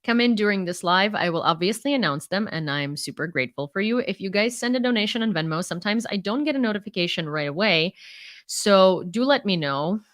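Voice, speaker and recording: Reading the news on her live stream, a young woman from Ukraine speaks with an American accent, chatting along with lots of fillers and laughs. The recording is studio quality with no echo, and her mid-range voice is animated and a little fast.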